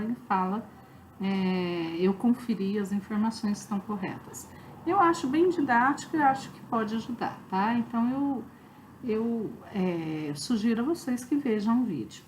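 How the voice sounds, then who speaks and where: A woman's voice: medium pitch, a little mellow, slight background noise, rough recording. Brazilian woman teaching a review class. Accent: Brazilian Portuguese. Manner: explanatory, many fillers like "né?" and "tá?". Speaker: literature teacher. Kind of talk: online review lecture.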